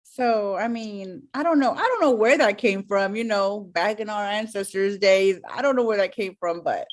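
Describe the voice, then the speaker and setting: A woman born in Mexico and raised in the U.S., a podcast guest telling stories in relaxed, casual chat. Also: mid-range voice, moderate pace. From Mexico, raised in Texas and Arkansas. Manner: relaxed, storytelling, laughs often. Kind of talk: casual conversation.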